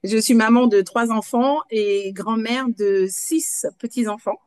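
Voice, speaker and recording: A woman in her fifties from Guadeloupe, a night nurse answering interview questions in a halting way, pausing often to find her words. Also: fairly high pitch, fairly even intonation, darkish tone, clear, resonant tone. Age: 50s. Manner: halting, searching for words between pauses.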